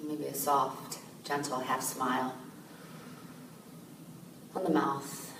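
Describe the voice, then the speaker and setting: A woman meditation teacher calmly guiding a meditation, speaking gently and slowly with soft fillers. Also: rumbling low, vocal fry. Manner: gentle, slow, soothing guidance with soft fillers. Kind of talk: guided meditation. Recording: echoey room, distant mic, noisy ambience.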